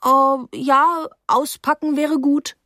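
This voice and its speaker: A woman's voice: high voice, fairly even intonation, bright, forceful tone, no echo, studio quality, voice pushed up, heavily acted. A woman voicing a shy teenage girl who answers hesitantly with many fillers. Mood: awkward. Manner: hesitant, halting, full of fillers.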